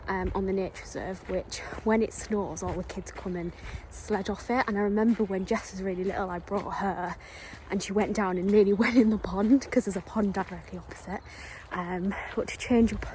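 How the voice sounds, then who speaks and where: A woman's voice: mid-range voice, darkish tone, slight background noise. A woman chatting casually into her camera for a vlog, rambling with plenty of ums. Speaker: vlogger. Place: outdoors on a walk, then at home.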